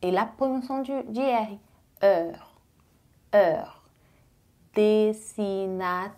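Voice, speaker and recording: A woman leads an online French lesson, speaking slowly and repeating each word so the viewer can copy it. Her voice is dark and mellow. She talks to the viewer directly and casually. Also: medium pitch. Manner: slow careful pronunciation drills, repeating words. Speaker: French teacher.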